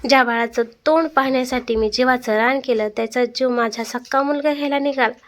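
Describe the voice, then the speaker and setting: A woman's voice: high voice, steady tone, a little fast, natural voice. A woman voicing a stern, wounded older aunt in a read-aloud family story. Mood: angry.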